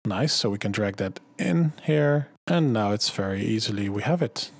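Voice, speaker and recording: A man with a somewhat low, husky voice narrates a software tutorial. He walks through each click and setting in a steady, step-by-step way. The recording is close and dry, with no room sound. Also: moderate pace, dry recording. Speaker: tutorial host.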